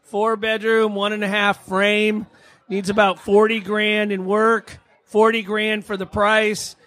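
High, slow, flat man giving a terse pitch. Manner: clipped, terse listing. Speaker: real estate seller pitching a property. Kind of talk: short property pitch.

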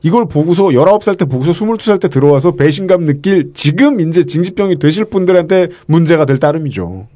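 A man's voice: fairly high pitch, expressive, fast talker, few pauses, warm tone. A man hosts a casual podcast, reacting to his guests with wry remarks. His voice sits a little above the usual male range. He chuckles often while he talks.

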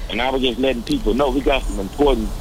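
A man calling in over the phone to a radio talk show to make a community announcement. He talks in an earnest, unhurried way, with many drawn-out fillers. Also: medium pitch. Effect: heard over a phone line. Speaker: radio call-in caller. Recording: noisy phone line on a radio broadcast.

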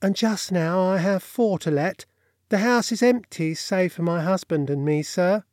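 A man voicing a respectable, anxious landlady who speaks in a civil, gentle, passionless way. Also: sits high, normal speed, no echo, clean studio sound, lightly acted. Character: civil, anxious middle-aged female landlady.

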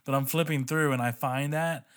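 A man in a casual podcast chat, animated and chatty, filling his talk with "like". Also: fairly high pitch, normal speed.

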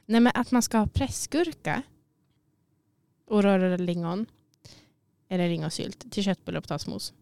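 A woman in casual podcast chat with a smooth, resonant voice. She is recorded dry and close in a studio. She chats easily and laughs readily. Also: mid-range voice, lively intonation, pauses often, a little mellow, no room sound. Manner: chatty, self-conscious, laughs easily. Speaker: podcast co-host. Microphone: studio mic.

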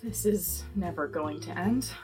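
A woman's voice: lowish voice, a little slow, over music, close to an everyday voice. A woman playing an earnest, anxious young librarian sidekick in a noir audio drama, pleading and exasperated.

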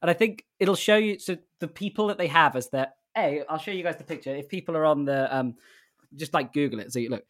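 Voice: medium pitch, brisk. Podcast co-host, rambling and giggly, casual chat. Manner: rambling, reads aloud from a website, laughs often.

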